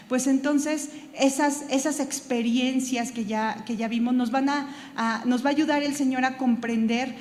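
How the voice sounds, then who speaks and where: Female Bible teacher, slightly high voice, hesitant delivery with many restarts, long reverb and faint room noise. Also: a little mellow. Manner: halting, repeats words while searching for them; spells out terms letter by letter. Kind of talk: Bible study lecture. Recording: echoey hall with room noise.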